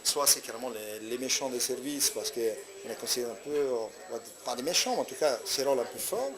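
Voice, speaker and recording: A man's voice: mid-range voice, expressive, fairly quick. A man with an Italian accent, a comedian answering interview questions in a hesitant way, with many fillers and restarts. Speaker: comedian guest. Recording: loud crowd chatter behind. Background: crowd chatter.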